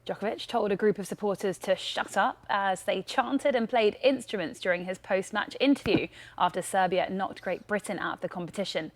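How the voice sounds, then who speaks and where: A woman co-presenting sports news on a breakfast show, reading crisply and teasing her co-host. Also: mid-range voice, fairly quick, hardly any pauses. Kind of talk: breakfast news sports bulletin with casual banter.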